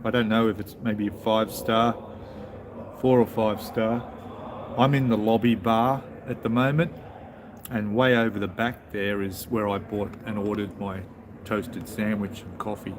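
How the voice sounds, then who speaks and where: Aussie guy rambling on a live stream, lowish voice, noisy hotel lobby behind him. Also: measured pace. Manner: relaxed, rambling, chats with viewers while eating. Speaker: travel vlogger. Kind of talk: casual live-stream chat. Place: large hotel lobby bar, indoors. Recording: steady background noise of a hotel lobby.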